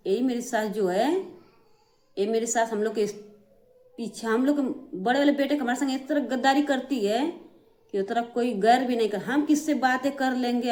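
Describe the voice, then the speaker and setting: A woman's voice: a little high, mellow. Aggrieved middle-aged woman vlogger. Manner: aggrieved, repetitive, addresses viewers directly. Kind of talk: emotional family complaint to camera.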